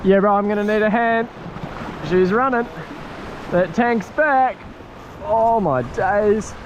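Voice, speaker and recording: A man with a broad New Zealand accent hosting a casual fishing vlog from a rocky coast in a slangy, excitable, matey way. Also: high voice, takes it slowly, lo-fi sound. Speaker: fishing show host. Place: outdoors on a rocky coastal ledge. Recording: noisy outdoors with sea and surf. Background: waves and surf.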